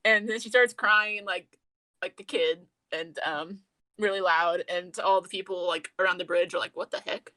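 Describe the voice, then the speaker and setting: A woman's voice: fairly low pitch, fairly even intonation, normal speed, sharp tone, no echo. A young woman co-hosting a casual podcast, retelling scenes and acting out the characters' lines with laughter. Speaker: podcast co-host. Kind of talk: casual anime recap chat.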